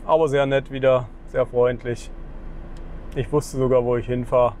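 A travel vlogger offers laid-back commentary while on the move, in a vehicle and outdoors, with dry, colloquial wit. His medium-pitched voice is flat and darkish at a normal speed, and outdoor and vehicle noise comes through clearly.

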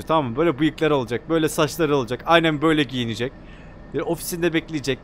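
A young man playing a video game, commenting excitedly and joking as he talks to the characters on screen. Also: fairly high pitch, slight background noise. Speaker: gaming YouTuber. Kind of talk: let's play commentary.

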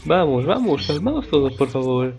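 A man voicing a sensible, reassuring school authority creature in a video game, in a measured formal manner. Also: fairly high pitch, very animated, music in the background.

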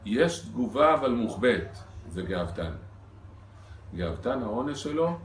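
A rabbi giving a lesson in a synagogue hall, throwing question after question at his listeners. His voice sits at an ordinary male pitch. It was recorded from some way off, so the room echo is strong. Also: a little hiss or hum. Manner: lively teaching, rhetorical questions to the audience. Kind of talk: Torah lesson to a congregation. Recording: echoey hall recorded from a distance.

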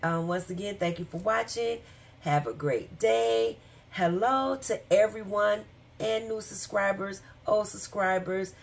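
A woman's voice: medium pitch, a little slow, creaky. A woman vlogger talking casually and rambling with fillers and asides, who has the hiccups. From Michigan, USA. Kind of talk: casual chat.

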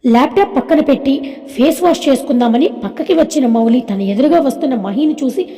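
High, mellow woman storyteller. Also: fairly quick, in a large hall. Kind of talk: scripted narration of a serialized story.

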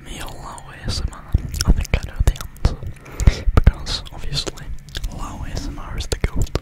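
Young man, breathy whisper, tingly ASMR mouth sounds, soothing, repetitive phrasing, close mic. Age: young adult. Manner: soothing, repeats phrases slowly. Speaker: ASMR creator. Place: small dim room, indoors. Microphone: close-up microphone with foam cover.

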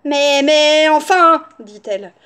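A woman voicing a rude, bratty little girl in a children's story, insolent and loud. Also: extremely high pitch, lively intonation, unhurried, pitched above the performer's own voice. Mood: indignant. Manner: insolent, shouting, mocking.

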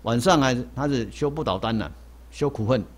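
A man's voice: mid-range voice, brisk. A man, a Buddhist monk telling a story in a sermon in a lecture hall. He repeats himself often and keeps asking rhetorical questions, then answering them.

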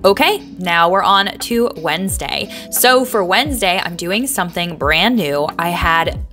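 Woman vlogger, upbeat and chatty, slightly low pitch, narrating over faint music. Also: animated, measured pace, fairly bright tone. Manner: chatty, upbeat, uses many fillers. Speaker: lunch prep vlogger.

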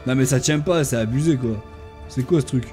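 A man giving casual gameplay commentary, talking to his tamed animals and bursting into excited shouts during fights. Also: mid-range voice, brisk, soft background music. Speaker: gaming YouTuber.

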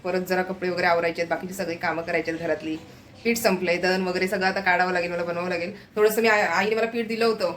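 A woman's voice: fairly low pitch, steady tone, quick pace, a little hiss or hum. A woman from the Konkan in India, chatting casually and rambling to her viewers in a home vlog, laughing often. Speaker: vlogger.

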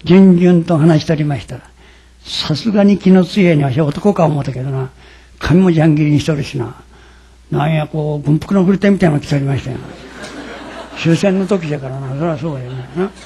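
Gravelly older man. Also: a little high, dark tone. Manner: folksy, dramatic retelling with quoted voices. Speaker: religious lecturer. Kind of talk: storytelling sermon.

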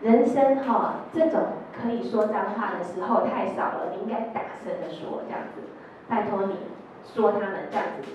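A woman's voice: mid-range voice, brisk, a little mellow, slight background noise. A middle-aged woman with a Taiwanese Mandarin accent, an educator telling stories in a workshop and acting out the quotes in them. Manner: storytelling, acting out quotes, tag particles. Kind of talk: lecture with told anecdotes. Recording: echoey hall, distant lo-fi sound.

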